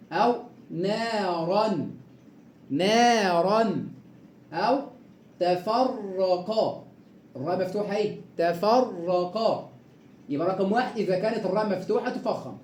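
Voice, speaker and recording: A man with an Egyptian accent teaching Quran recitation rules, stretching out example words slowly and quizzing the listener. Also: high voice, a little mellow, roomy sound. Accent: Egyptian Arabic. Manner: drawn-out slow repeating of example words, quizzing questions. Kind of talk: tajweed lesson.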